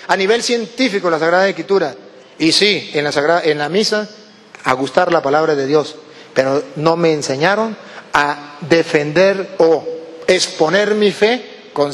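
High-voiced Venezuelan priest telling a story. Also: male voice, in a large hall. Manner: animated, acts out quoted voices. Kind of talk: storytelling testimony.

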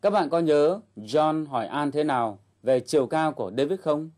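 A man leads an English lesson in a calm, explanatory voice. His tone is mellow and dark, and he guides listeners step by step. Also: a little high, normal speed. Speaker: English teacher host. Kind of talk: instructional narration.

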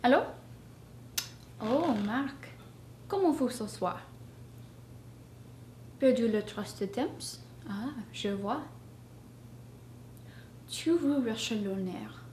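A young woman, talking in a flat, detached, deadpan way, as in a mock art-film. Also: fairly high pitch, a little hiss or hum. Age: young adult. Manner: flat, detached, unhurried delivery. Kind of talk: deadpan art-film narration and phone scenes. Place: house kitchen, indoors.

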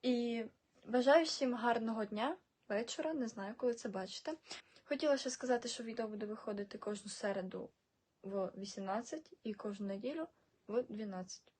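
A woman's voice: on the high side, fairly quick, a little mellow, slightly rough. A woman teaching a casual video lesson, explaining patiently, repeating example words and checking in with "right?" again and again. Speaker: Czech language teacher.

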